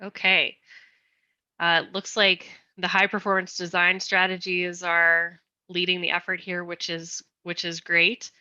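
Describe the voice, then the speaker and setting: A woman leads a community meeting presentation, explaining design ideas with careful, patient steps. Her voice is bright and a little low. The sound is dry and dull, like a lo-fi video call. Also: completely flat delivery, no echo. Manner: explanatory, careful, slowing down on request.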